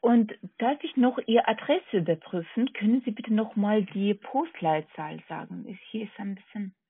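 Over a tinny, narrowband phone line, a female call centre agent with a foreign accent hesitantly checks and repeats order details in non-native German during a sales call. Her mid-range voice moves at normal speed and sounds gravelly and slightly rough.

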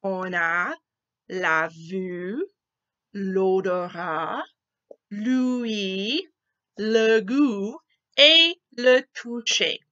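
A woman teacher reading a picture book aloud to children, slowly and expressively, asking them questions. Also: mid-range voice, pushed and bright, highs cut off.

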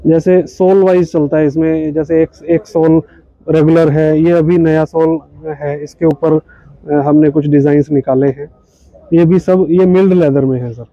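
A man's voice: on the high side, fairly even intonation, slow pace, no echo, highs cut off. A man in his thirties explaining his company's shoes at a trade expo stall, patient and full of fillers and polite "ji, sir". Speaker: footwear company representative. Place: indoor exhibition hall stall.

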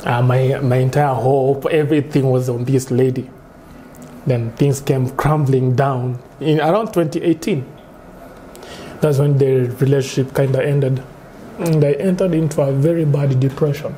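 A young man with a Kenyan accent, a guest chatting candidly, mixing English and Swahili with halting restarts, recorded on a restaurant set. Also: medium pitch, steady tone, mellow, slight background noise. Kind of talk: casual interview chat.

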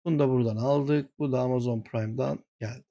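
A man's voice: medium pitch, steady tone, fast, dark tone. A man hosting a gaming channel, walking viewers through a screen-share tutorial and muttering to himself when he gets flustered.

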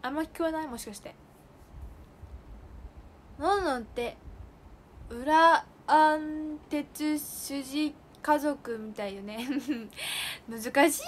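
A young woman hosts a solo idol livestream indoors while heavy rain falls outside, chatting casually with viewers. Her high-pitched voice comes through a phone or streaming mic with slight background noise. She's bubbly and giggly throughout.

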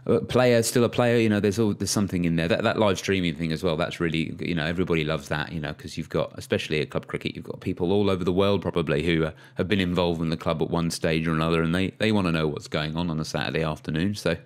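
A man hosting a cricket podcast in casual chat, talking in a relaxed way with fillers and restarts. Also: low voice, quick pace, few pauses, clear, resonant tone. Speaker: podcast host.

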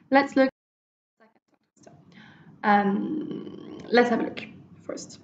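A woman teaching a language lesson, leading slow, careful pronunciation drills. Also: a little high, echoey room, lo-fi sound. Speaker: French teacher.

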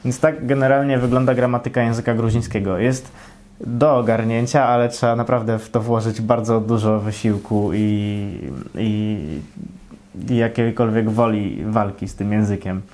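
A man's voice: fairly low pitch, little pitch movement, normal speed, a little mellow. A young man hosting, explaining grammar in a chatty, lightly joking way. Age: young adult. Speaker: host. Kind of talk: casual explainer. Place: small indoor room, flag backdrop.

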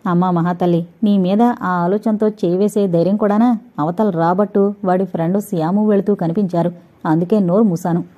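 A woman's voice: on the low side, steady tone, moderate pace, natural voice. A woman voicing a playful young male college student in a dramatized audio novel, joking and teasing. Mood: pleading. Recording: dull lo-fi recording.

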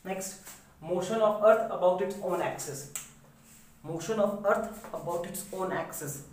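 A woman's voice: on the low side, a little slow, a little mellow, distant mic, a little hiss or hum. Woman teacher in an echoey room. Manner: explains step by step, checks understanding with questions. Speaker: physics teacher. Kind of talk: recorded online lecture.

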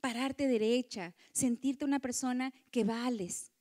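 A woman's voice: a little high, measured pace. A woman giving a motivational talk to women, often asking the audience for agreement. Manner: warm lecturing, acts out quoted voices, asks audience. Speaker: conference speaker.

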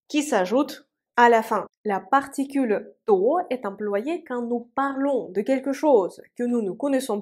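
A woman teaching a language lesson, speaking slowly and carefully and repeating example words. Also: a little high, a little mellow. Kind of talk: Russian lesson for French speakers.

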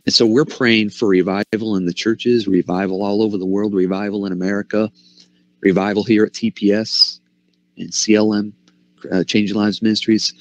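A man's voice: lowish voice, little pitch movement, moderate pace, lo-fi sound. A man preaching a passionate sermon, asking the congregation rhetorical questions. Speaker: pastor.

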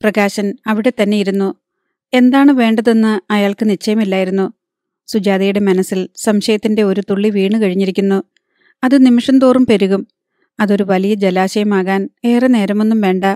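Woman audiobook narrator, measured dramatic delivery, warm tone, dry close sound. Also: medium pitch, steady tone, no echo. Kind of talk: scripted novel narration.

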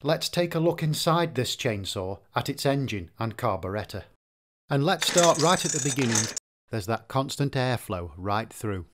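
Male narrator for a repair tutorial; methodical, lively pitch, mid-range voice. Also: moderate pace. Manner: methodical, explanatory. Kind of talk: scripted instructional narration.

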